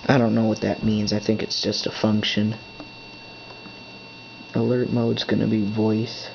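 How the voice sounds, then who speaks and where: A fairly low, gravelly and slightly mellow male voice mutters in monotone, a little slowly, as a hobbyist sets up a device at his desk indoors, pressing buttons and thinking aloud. The recording is dull lo-fi camera audio with a faint hum.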